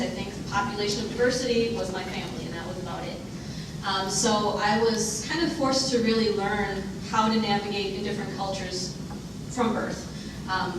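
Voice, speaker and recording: A woman telling her life story as a guest in an onstage interview, candid and self-deprecating, with many ums. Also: medium pitch. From United States. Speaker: interview guest, diversity director. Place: event room with audience. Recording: echoey room, distant mic, noisy.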